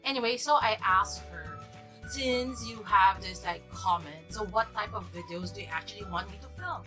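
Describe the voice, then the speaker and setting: A woman's voice: mid-range voice, moderate pace. A woman, talking to camera in a chatty, rambling, upbeat vlog, and she is also a teacher. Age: 40s. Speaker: vlogger and teacher. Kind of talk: casual vlog chat to camera. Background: background music.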